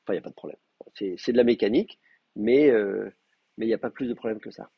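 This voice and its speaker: Husky male teacher in a muffled classroom. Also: lowish voice, fast, no echo. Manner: hesitant, many fillers and restarts while explaining. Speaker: Hebrew teacher. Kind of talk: classroom lecture. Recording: muffled, dry classroom recording.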